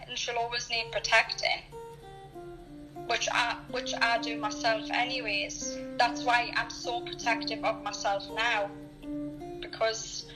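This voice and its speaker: With a slightly high voice, a Newcastle woman in her early thirties talks about herself in a candid, earnest personal chat, her English accent clear. The audio quality is poor.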